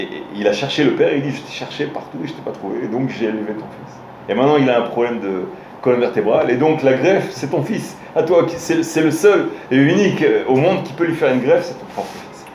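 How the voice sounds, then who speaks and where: A man with a medium-pitched, slightly mellow voice teaches Torah informally at a fairly quick pace. As a rabbi telling stories, he addresses his listeners directly, often pausing and starting over. Slight background noise and faint ambience come through in the roomy room.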